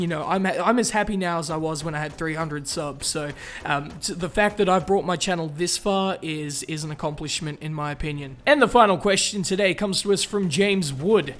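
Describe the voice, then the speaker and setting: A man's voice: fairly high pitch, a bit bright, a little hiss or hum. A young man from Australia hosting a casual gaming Q&A vlog, chatty and upbeat with lots of fillers and restarts. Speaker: gaming YouTuber answering viewer questions.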